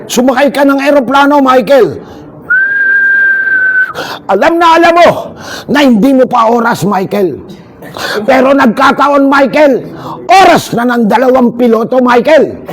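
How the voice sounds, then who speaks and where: High-voiced energetic male seminar speaker. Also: moderate pace, a loud crowd. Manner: energetic, joking, calls out to listeners, leads shouted chants. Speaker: seminar speaker for overseas workers. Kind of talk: lively seminar talk leading group chants.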